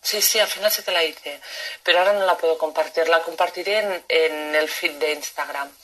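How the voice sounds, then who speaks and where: A woman in her thirties or forties with a Spain Spanish accent, chatting live with viewers and often checking in with a quick question. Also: deep voice, fairly bright tone.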